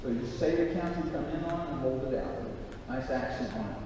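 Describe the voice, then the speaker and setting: Coaching band clinician in an echoey hall. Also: male voice, medium pitch, a little fast, noisy background. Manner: counts off the band and gives instructions in a lively, coaching way. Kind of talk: conducting a band rehearsal clinic. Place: school band room or hall. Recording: echoey hall picked up from far off.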